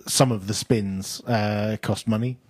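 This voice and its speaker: Low husky-voiced man chatting on a podcast. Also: fairly even intonation, unhurried, no room sound. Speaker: podcast co-host. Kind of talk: casual retrospective chat.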